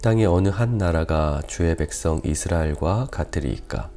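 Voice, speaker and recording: A male pastor with a weakened, quiet voice, leading an early-morning prayer service and reading scripture slowly and deliberately, with many "ah" pauses. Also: low-pitched. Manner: measured, careful enunciation with frequent "ah" pauses. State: weak, quiet voice.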